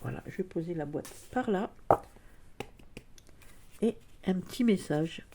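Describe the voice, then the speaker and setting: Congested from a cold, a vlogger talks casually, hesitating with many fillers. Her lowish, dark voice is animated yet measured in pace, with slight background noise.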